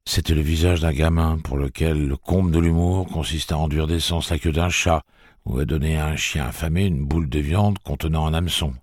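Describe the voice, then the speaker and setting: A man narrating an audiobook in a measured, steady storytelling manner. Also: extremely low pitch, no echo, studio quality.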